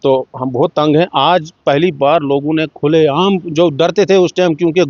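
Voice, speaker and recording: A middle-aged man from Jammu and Kashmir, his voice fairly high and a little mellow, speaks at normal speed with fairly even intonation. He earnestly shares his story in an interview, acting out dialogue with small vocal shifts, in a dry, echo-free recording that sounds muffled and dull.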